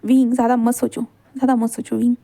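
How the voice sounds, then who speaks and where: A woman's voice: a little high, little pitch movement, brisk, vocal fry, dark tone. Woman playing a curt reserved male teacher. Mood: curt, calm. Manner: short, curt replies.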